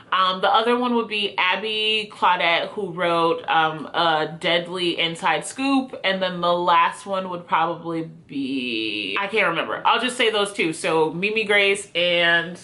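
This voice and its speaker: A woman who hosts book review videos chats casually to camera while answering prompts, informal and self-deprecating. Her voice is fairly low, pushed and bright.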